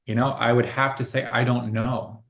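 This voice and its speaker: A man's voice: mid-range voice, level tone, normal speed, creaky, fairly bright tone. A man co-hosting a casual spiritual conversation, speaking in an earnest, reflective way and laughing often. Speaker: co-host.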